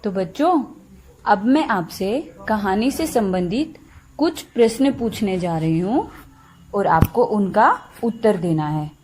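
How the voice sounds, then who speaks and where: Woman, primary school teacher, very slow, deliberate, word-by-word explaining, faint background noise. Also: mid-range voice, lively intonation, a little mellow. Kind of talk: slow classroom lesson for young children.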